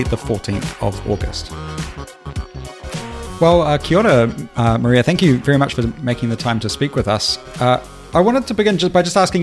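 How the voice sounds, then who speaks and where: Polite New radio host. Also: male voice, mid-range voice. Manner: polite, measured questioning. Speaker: podcast host, interviewer. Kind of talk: community radio interview.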